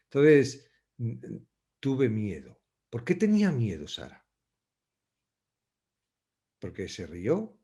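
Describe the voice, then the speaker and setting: A man teaching a Bible study in a conversational, reflective way, often pausing and restarting as he searches for words. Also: mid-range voice, huge pitch swings, warm tone.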